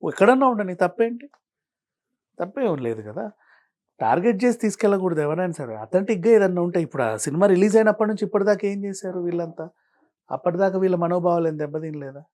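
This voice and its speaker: A man's voice: sits high, animated, quick pace, darkish tone. Argumentative man firing rhetorical questions. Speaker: interview guest. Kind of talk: studio interview.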